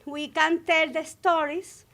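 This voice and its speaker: A woman's voice: extremely high pitch, flat delivery, takes it slowly. A Spanish-native woman, a flamenco dancer interviewed as a guest, talking hesitantly and searching for English words with many fillers. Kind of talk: interview conversation.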